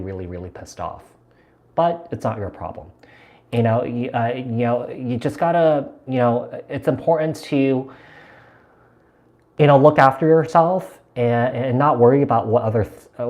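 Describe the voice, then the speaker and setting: A man's voice: mid-range voice, darkish tone. A man from the United States giving a live tarot reading, talking in a chatty, meandering way with lots of fillers and repeated words. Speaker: tarot reader.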